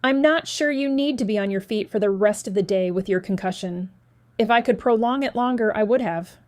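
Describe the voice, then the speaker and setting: Woman narrator voicing a male small-town sheriff, calm, measured, considerate, close dry audiobook mic. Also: mid-range voice, no room sound, natural voice.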